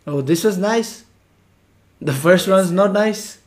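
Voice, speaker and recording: A man's voice: high voice, takes it slowly. A young man playing guitar and chatting playfully with strangers on a webcam video call from his bedroom. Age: young adult. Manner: playful, teasing. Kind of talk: casual video chat. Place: bedroom indoors. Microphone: earphones on a webcam video call. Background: acoustic guitar.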